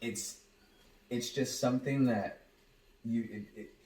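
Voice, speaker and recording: A man's voice: medium pitch, fairly even intonation, slow pace, a little mellow. A man co-hosting a podcast, speaking heartfelt and reflective in casual chat, often repeating words as he thinks. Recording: roomy, distant mic.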